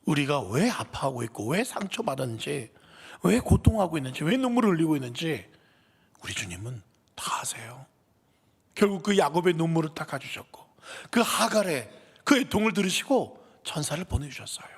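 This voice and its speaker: Gravelly, husky pastor preaching. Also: male voice, on the high side, big pitch swings, fairly quick. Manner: emotional, swinging from loud to whispered. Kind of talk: sermon. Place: church sanctuary. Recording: long reverb of a church hall.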